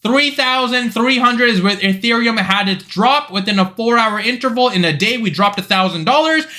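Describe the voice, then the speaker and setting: A man's voice: extremely high pitch, animated, moderate pace, bright, forceful tone. A young man hosting a live trading stream, talking bluntly and emphatically, swearing often. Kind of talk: live stream chart commentary.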